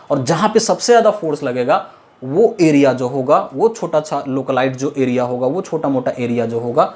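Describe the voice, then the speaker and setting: In this engineering classroom lecture, a man with a darkish, medium-pitched voice works through the material step by step. He repeats key terms, asks questions and answers them himself, and mixes in English technical phrases.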